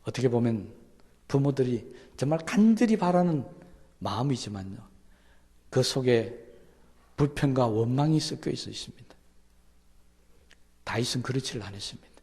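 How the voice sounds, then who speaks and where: Korean pastor preaching in a reverberant hall. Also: male voice, expressive, normal speed, long pauses. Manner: swings from loud emphatic peaks to soft low asides; asks the congregation many rhetorical questions. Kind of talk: sermon. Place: church sanctuary. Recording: long church hall reverb.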